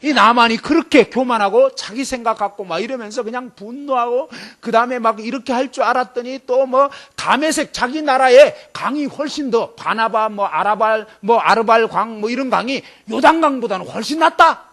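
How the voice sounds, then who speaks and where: A man's voice: very high voice, moderate pace, few pauses, fairly bright tone. A man preaching a sermon at a student camp. He fires rhetorical questions at his listeners and acts out scenes vividly.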